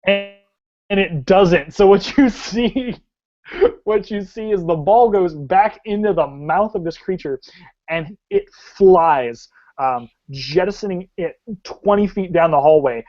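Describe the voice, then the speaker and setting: A man narrating a tabletop game as game master, describing the action in a halting way with many restarts. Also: sits high. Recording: dull lo-fi audio.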